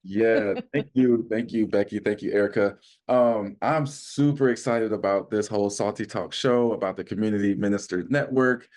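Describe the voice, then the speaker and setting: Enthusiastic low-voiced man from Arizona. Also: normal speed, a little mellow. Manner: enthusiastic, storytelling, exclamatory. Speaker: community minister. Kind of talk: casual podcast chat.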